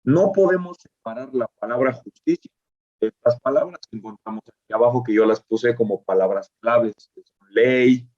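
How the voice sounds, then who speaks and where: A man teaching a bible lesson as a preacher. He explains step by step, asks rhetorical questions and reads verses slowly. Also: medium pitch, a little mellow, muffled recording.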